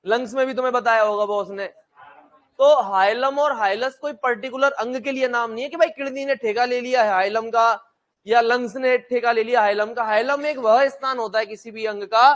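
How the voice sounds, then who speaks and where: High-voiced blunt male lecturer. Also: steady tone, moderate pace, fairly bright tone. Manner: blunt, scolding and joking with students, asks questions and answers them himself. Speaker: teacher. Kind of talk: classroom lecture.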